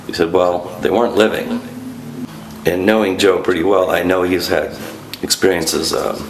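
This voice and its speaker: A man's voice: low-pitched, fairly even intonation, moderate pace, a little hiss or hum, low-quality recording. A middle-aged man telling a ghost story to the camera in a casual, hesitant way, with many fillers. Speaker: urban explorer host.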